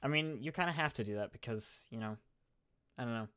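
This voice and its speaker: Chatty podcast host, dry sound. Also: male voice, mid-range voice, brisk, sharp tone, smooth, no echo. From United States. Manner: rambling, self-deprecating, many fillers. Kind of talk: casual chat.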